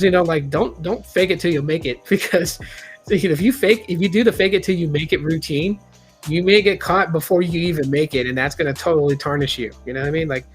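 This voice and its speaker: Man in his thirties, live-stream host, casual rambling talk, slightly high voice, faint background music. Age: 30s. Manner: rambling, candid, many restarts, reads chat aloud.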